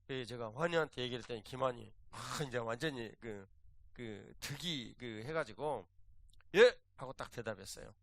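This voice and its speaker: A man's voice: mid-range voice, normal speed, gravelly, dry recording. A man, a pastor, preaching a sermon and telling a story, acting out the lines of the people in it. He was recorded in a church. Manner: animated anecdote with quoted voices. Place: church sanctuary.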